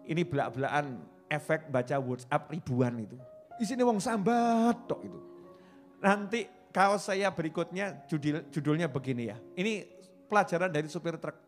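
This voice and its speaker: A middle-aged man with a Javanese accent giving a folksy, animated Islamic sermon and acting out the people he quotes. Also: on the high side, moderate pace, soft background music. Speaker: preacher.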